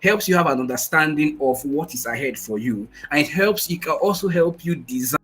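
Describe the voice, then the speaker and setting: A man giving an energetic motivational webinar talk over a video call, repeating phrases for emphasis. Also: fairly high pitch, brisk, breathy edge. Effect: heard over a video call. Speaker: guest speaker. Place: at home in Nigeria on a shaky connection.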